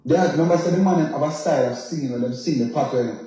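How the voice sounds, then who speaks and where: A man's voice: a little high, rapid-fire, dark tone. A man with a Jamaican accent casually telling stories as a radio interview guest, slipping into patois and checking that the listener follows. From Jamaica, left as a youth. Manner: patois-laced, often checks the listener understands. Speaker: dancehall singer, interview guest. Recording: very echoey, roomy sound.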